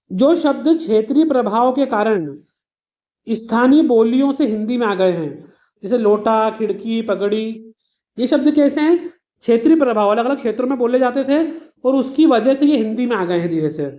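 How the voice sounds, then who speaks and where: A woman teacher runs through an exam revision lesson, explaining each point patiently with simple everyday examples. Her voice sits fairly high but sounds mellow and soft. The recording is a little dull and lo-fi.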